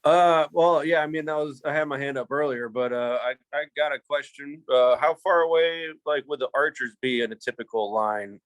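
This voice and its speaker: Guy on a call asking stuff, halting, dry close sound. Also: a little high, fairly even intonation, no room sound. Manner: hesitant, halting questions. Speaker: call participant asking questions.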